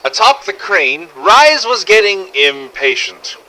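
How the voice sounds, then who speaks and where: In this low-quality recording, a man with a high, very animated voice slowly narrates a scripted first-person survival story for fan-made game audio logs. His tone is bright and forceful, and he stays in character with a dramatic, gritty delivery and occasional swearing.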